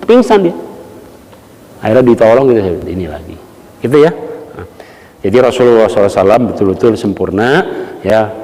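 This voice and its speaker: A man giving a relaxed mosque study sermon, telling stories and acting out the people he quotes. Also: on the low side. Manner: casual storytelling, acts out quotes, chuckles. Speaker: preacher. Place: mosque hall. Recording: long hall reverb.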